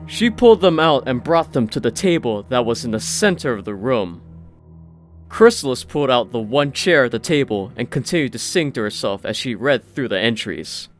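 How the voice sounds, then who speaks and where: In a mid-range, sing-song voice at normal speed, a man narrates a scripted fantasy story audiobook-style. Music plays behind his voice.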